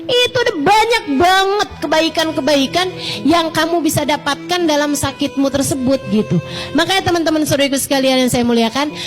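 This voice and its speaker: A woman's voice: high-pitched, fairly quick, music in the background. A woman giving a casual religious sermon, telling a story and quoting others, repeating her key points for emphasis. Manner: storytelling, quoting people in changed voices, emphatic repetition. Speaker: preacher.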